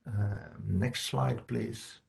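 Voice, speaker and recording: A man's voice: mid-range voice, fairly even intonation, very slow, creaky, a little mellow. A middle-aged man from the Netherlands, giving an earnest, explanatory conference presentation and often restarting his phrases. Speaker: conference speaker.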